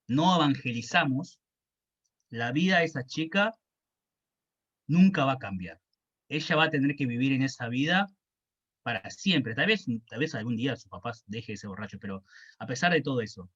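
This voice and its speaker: A man giving a personal faith testimony, halting and reflective, often repeating words. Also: medium pitch, a bit bright, muffled recording. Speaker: student evangelist.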